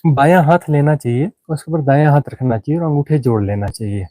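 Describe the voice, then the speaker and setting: Mellow-voiced meditation teacher. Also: male voice, a little high, no echo, rough recording. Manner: unhurried explaining with many restarts and fillers. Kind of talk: guided meditation talk.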